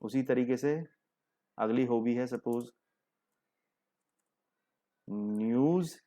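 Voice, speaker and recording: A man's voice: medium pitch, normal speed, darkish tone. Man teaching coding step by step. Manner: explains step by step, mixing English terms into Hindi. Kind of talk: screen-share coding tutorial.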